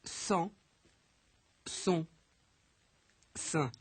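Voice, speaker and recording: Low, husky woman reading slow drills. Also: a little mellow, no echo. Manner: deliberate, careful enunciation. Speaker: language course speaker. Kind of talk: slow, clearly read pronunciation drill.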